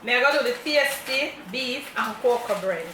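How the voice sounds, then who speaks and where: A woman's voice: a little high, lively intonation, normal speed, sharp tone. A woman with a Jamaican accent chatting casually about food while chewing as she talks. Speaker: mukbang co-host. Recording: roomy echo, distant mic, faint noise.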